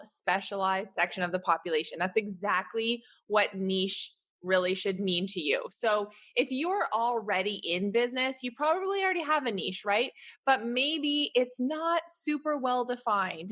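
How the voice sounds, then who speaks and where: A woman's voice: medium pitch, fairly bright tone. A woman in her thirties with a Canadian accent, hosting a solo podcast in a chatty, encouraging way with many fillers. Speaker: podcast host.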